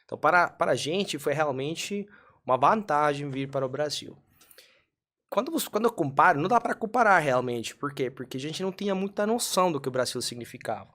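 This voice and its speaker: Telling stories during a relaxed interview, this Colombian podcast guest, whose native language is Spanish, talks in Portuguese with his Colombian accent. He comes across as earnest and measured, at times hunting for the right word. His voice is expressive, on the high side and a bit bright.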